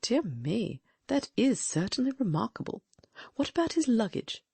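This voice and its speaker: In a dramatic audiobook reading, a woman gives an exaggerated voice to a sharp, confident Victorian gentleman detective who questions and reasons aloud in crisp, precise sentences. Her warm, somewhat high voice is gravelly and slightly husky, with big pitch swings at normal speed. It is recorded very dry and close, with no echo.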